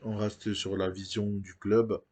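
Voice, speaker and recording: Low-voiced man commenting on a game. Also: flat delivery, measured pace, darkish tone. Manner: thinks aloud with frequent hesitations. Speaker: gaming channel host.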